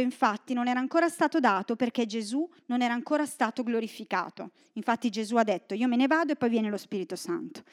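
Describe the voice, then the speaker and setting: A woman from northern Italy preaching a sermon in a church, reading scripture and joking with the congregation. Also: sits high. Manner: lively, joking asides to the congregation.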